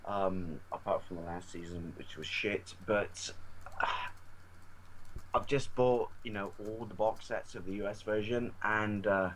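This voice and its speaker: A British man talking films in a casual chat, his voice sitting low. He gushes and swears freely as he gets worked up. A faint hiss runs under the recording. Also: a little slow, poor audio. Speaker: co-host.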